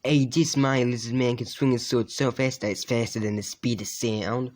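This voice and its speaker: A man putting on a Brooklyn accent to read out card lore as a gruff narrator. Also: mid-range voice, steady tone, moderate pace, darkish tone, natural voice. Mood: playful. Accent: Brooklyn (put on). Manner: exaggerated put-on accent.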